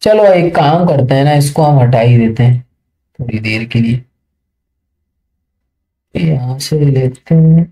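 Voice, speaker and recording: A man teaching a networking lesson over a screen share, chatty and often checking that listeners follow, reading English passages slowly and haltingly. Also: mid-range voice, warm tone. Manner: chatty, keeps checking understanding. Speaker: networking tutor.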